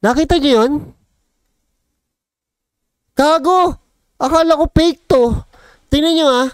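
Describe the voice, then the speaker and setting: Slow-talking man reacting to clips. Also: extremely high pitch, dry recording, studio quality. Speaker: reaction video host. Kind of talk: casual reaction commentary.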